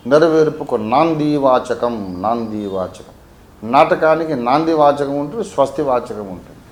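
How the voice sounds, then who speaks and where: A man from Warangal, a pastor teaching a Bible sermon, swinging between quiet asides and emphatic peaks. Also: medium pitch, reverberant, slight background noise. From Warangal, India.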